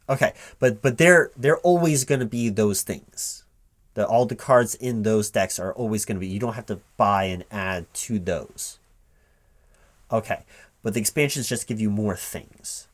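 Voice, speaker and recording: A man with a voice on the low side acts out a recruiting manager in a one-sided spoken interview. Halting and bewildered, he keeps repeating things back as questions.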